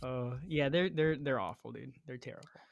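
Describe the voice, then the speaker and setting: A man telling a story as a podcast guest in casual chat, animated and slangy, acting out the people he quotes. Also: mid-range voice, normal speed, vocal fry, dry recording, clean studio sound.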